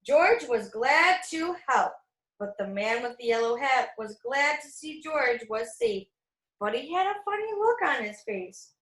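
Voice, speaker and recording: Like a teacher at storytime, a woman reads a picture book to young children in a high voice that's a bit bright and very animated. She stays unhurried and expressive throughout. Her surroundings echo noticeably.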